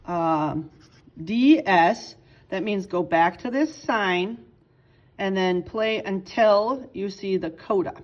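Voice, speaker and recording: A woman teaching an orchestra class, talking through a score as she marks it up. She thinks aloud, corrects herself mid-phrase and swings between bright exclamations and quiet asides, with an ordinary voice of middle pitch. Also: slow. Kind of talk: classroom walkthrough.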